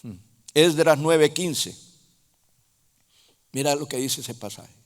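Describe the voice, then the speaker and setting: A man preaching a sermon in a Honduran Spanish accent, speaking slowly and emphatically, with sudden loud rises and soft drops. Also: on the high side. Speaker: apostle preaching. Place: large church hall. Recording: reverberant church hall.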